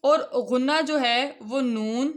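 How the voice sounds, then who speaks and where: A woman teaching a Quran reading lesson for children, explaining patiently and reciting letter names slowly and clearly. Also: sits high. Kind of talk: instructional lesson.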